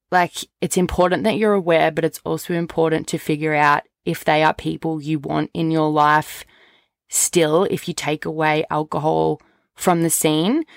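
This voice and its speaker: A woman's voice: low-pitched, creaky, smooth, dry recording. A young woman chatting informally as a solo podcast host, recorded on a cheap-sounding microphone. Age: young adult. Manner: informal, chatty, frequent "like" and "literally". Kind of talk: casual solo podcast chat. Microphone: low-quality microphone. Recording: cheap USB mic sound, close and dry.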